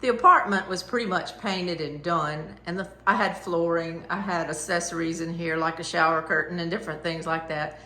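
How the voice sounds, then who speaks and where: A woman's voice: on the low side, steady tone, normal speed, pushed and bright, echoey room. A woman giving a casual, chatty tour in a homey way, with proud, happy enthusiasm. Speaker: vlogger showing her farm store. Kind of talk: casual home tour narration.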